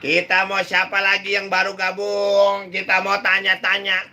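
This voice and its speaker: A young man hosts a live comedy stream, playfully teasing viewers and reciting rhymes in a drawn-out sing-song. His voice sits high and sounds very bright and sharp. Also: completely flat delivery. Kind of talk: joking live chat answering viewer comments.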